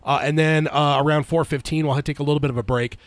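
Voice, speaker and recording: A man co-hosting a podcast in casual chat, halting and stop-start, his voice slightly weak and strained after being sick. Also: on the high side, fairly even intonation, no room sound. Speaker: podcast co-host.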